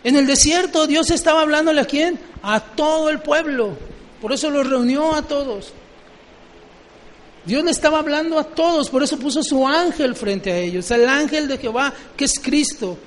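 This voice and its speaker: A man's voice: very high voice, normal speed, long reverb tail. A man preaching a sermon, often asking the congregation questions.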